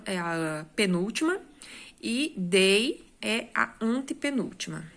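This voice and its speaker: Slow, patient Brazilian woman teacher. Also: mid-range voice, gravelly. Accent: Brazilian Portuguese. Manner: patient, explains step by step, keeps checking in with the class. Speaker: school teacher. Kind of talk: recorded lesson, correcting exercises.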